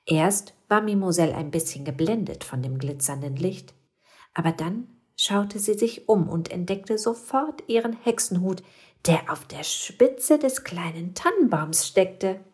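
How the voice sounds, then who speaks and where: A woman reading a children's story aloud in a soft, often whispery way. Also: on the low side, expressive, measured pace.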